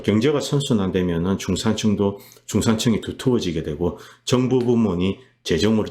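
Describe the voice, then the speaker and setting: Brief: male host, deep voice, emphatic solo commentary, dramatizes quotes. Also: darkish tone. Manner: emphatic, reenacts quotes in a heated voice. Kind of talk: political commentary monologue.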